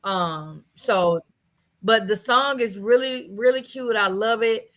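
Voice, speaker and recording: A woman hosting a casual talk show, chatting in an animated way and laughing often. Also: a little high, takes it slowly, rough recording. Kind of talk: casual chat.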